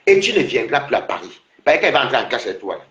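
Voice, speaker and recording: A man's voice: mid-range voice, big pitch swings, fast talker, a bit bright, roomy sound. Mocking man ranting on a livestream. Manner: mocking, repetitive, laughing. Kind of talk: taunting livestream rant.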